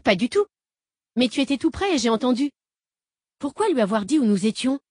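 A woman's voice: fairly high pitch, big pitch swings, brisk, darkish tone, husky, no echo, clean studio sound, pitched above the performer's own voice. A woman voicing a curious, insistent teenage girl questioning her older sister. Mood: prying.

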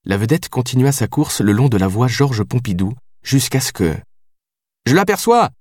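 A man narrating an audiobook in a measured, steady reading. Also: mid-range voice, no echo, clean studio sound.

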